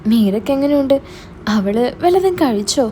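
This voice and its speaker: A woman's voice: high-pitched, animated, normal speed, dark tone, a little hiss or hum. A woman voicing a stern young older brother who questions his sister suspiciously. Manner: stern, interrogating.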